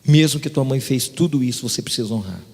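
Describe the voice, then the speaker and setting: A man voicing a kindly old man who gently counsels a young man, with a fatherly, pleading manner, in a reverberant church hall. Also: mid-range voice, expressive, fast, vocal fry, slightly rough. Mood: gentle.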